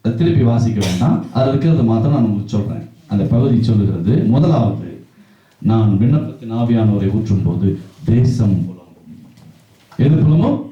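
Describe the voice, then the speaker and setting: A man preaching a sermon in call-and-response style, his voice rising to shouts, recorded from afar in a church hall on a lo-fi recording. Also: lowish voice, lively intonation, moderate pace, distant mic.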